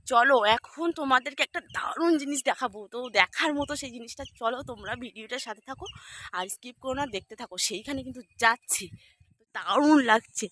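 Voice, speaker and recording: A woman from West Bengal chatting to her viewers outdoors on a foggy morning, often dropping to a hushed voice. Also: fairly high pitch. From West Bengal, India. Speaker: vlogger. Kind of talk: casual vlog narration to viewers.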